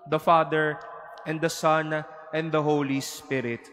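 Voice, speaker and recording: Priest intoning prayers under cathedral echo. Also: male voice, on the high side, flat delivery, fairly bright tone. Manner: measured, solemn recitation. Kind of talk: liturgical prayer and blessing. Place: large cathedral. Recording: long cathedral reverb.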